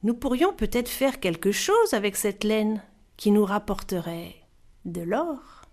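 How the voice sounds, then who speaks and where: A woman voicing the youngest of seven brothers in a storybook reading, gentle and concerned for others. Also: medium pitch, animated, a little slow. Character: youngest of seven brothers, kind and thoughtful boy.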